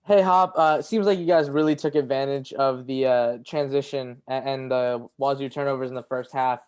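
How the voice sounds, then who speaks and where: A man's voice: medium pitch, steady tone, moderate pace, a little mellow, smooth. A male sports reporter casually asking a coach a question at a press conference, with a few fillers.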